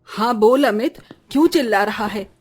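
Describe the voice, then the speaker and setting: A woman's voice: fairly high pitch, expressive, moderate pace, slightly rough, faint music behind. A woman voicing a haughty middle-aged mother in a cartoon story, speaking in a cold, dismissive way. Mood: stern.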